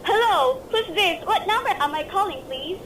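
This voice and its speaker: A woman's voice: very high-pitched, animated, normal speed, background noise. A woman acting a nervous, bedridden wife alone at night, fretful and insistent, in an amateur radio play. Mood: anxious.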